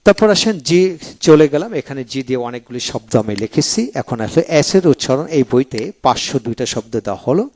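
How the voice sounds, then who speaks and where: Male tutor walking through a pronunciation book, lively rising and falling delivery, slows down to repeat sample words. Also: mid-range voice. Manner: explains step by step, repeats example words slowly, often says "then come". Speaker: English pronunciation teacher.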